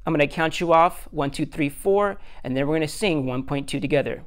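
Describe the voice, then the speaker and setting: A man's voice: a little high, a little fast. A man as a music teacher, giving a recorded lesson step by step, counting beats aloud in a patient, self-deprecating way.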